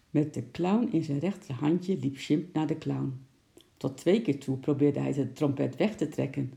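A man reading a children's storybook aloud in a steady, expressive narration. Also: fairly high pitch, vocal fry.

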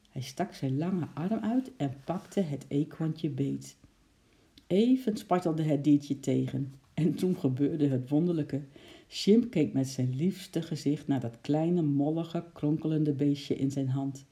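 A woman narrates a children's story with a lively, expressive delivery. Her tone is very dark and mellow, never bright or sharp. She keeps stopping to pose suspenseful questions to the listener. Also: low-pitched. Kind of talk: reading a children's story aloud.

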